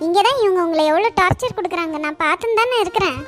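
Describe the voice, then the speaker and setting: A woman's voice: extremely high pitch, lively intonation, rapid-fire, soft background music. A woman voicing a scheming tattletale little girl in a cartoon, talking in a snide, gossiping way.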